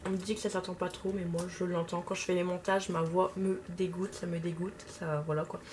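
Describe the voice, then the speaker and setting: A woman's voice: on the low side, flat delivery, a little fast, darkish tone. Young woman w/ a bit of a lisp, chatting while doing makeup, lots of euhs, some faint hiss. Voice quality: slight lisp. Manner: hesitant, many fillers. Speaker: makeup vlogger.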